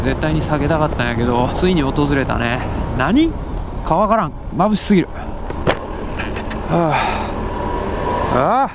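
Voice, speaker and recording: A man's voice: mid-range voice, noisy background. A man with a Kansai accent, chatting and grumbling to the camera from a helmet mic while he rides a motorcycle. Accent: Kansai Japanese. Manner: chatty, self-mocking, grumbling about the cold. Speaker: motovlogger. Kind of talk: casual motorcycle vlog commentary. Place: riding a motorcycle outdoors on a road at night. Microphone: external helmet microphone.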